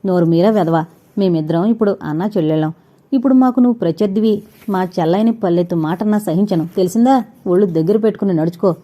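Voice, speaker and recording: A woman's voice: lowish voice, brisk, warm tone, natural voice. A woman reading as a bossy young man scolding. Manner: scolding, blustering. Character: bossy protective young man, teasing friend.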